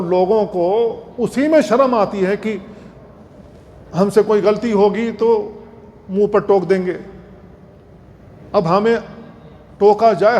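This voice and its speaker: Male religious lecturer, high voice, instructive and repetitive, long reverb with faint hiss. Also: darkish tone. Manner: earnest, instructive, repeats points, demonstrates recitation slowly. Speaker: Islamic scholar, lecturer.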